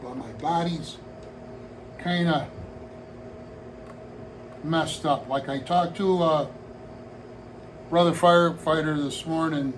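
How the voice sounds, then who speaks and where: A man in his sixties talks casually to his viewers from his hobby room at home, rambling and heartfelt, often restarting sentences and trailing off into asides. His voice sits on the high side with fairly even intonation, and he speaks slowly with long pauses. The recording is rough, with a little hiss or hum.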